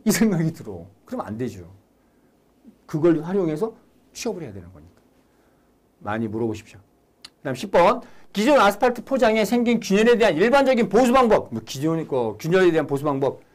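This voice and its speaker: A middle-aged man teaching a recorded exam-prep lecture, animated and nagging, sometimes acting out a student's thoughts. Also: high voice, fairly quick.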